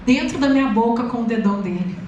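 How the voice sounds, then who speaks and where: A high-voiced woman preaches to a congregation, telling her story with lively humor. Her voice rings through a very echoey church hall. She is picked up from well back from the microphone. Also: fast talker, muffled recording, slight background noise. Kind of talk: sermon with personal testimony. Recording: echoey hall, distant mic.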